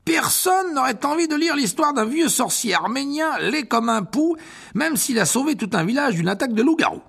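A performer voicing a vain, evasive wizard teacher in a storybook reading, with a husky, gravelly voice, stammering through fillers and nervous laughs. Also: high voice, expressive, normal speed, a bit bright, heavily acted. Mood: smug.

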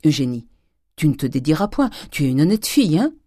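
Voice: big pitch swings, a little fast, mellow, dry recording, studio quality. A reader voicing a cunning, miserly old father who wheedles, stammers and drops into whispers. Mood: triumphant. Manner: wheedling, stammering, with sudden whispers and high jumps.

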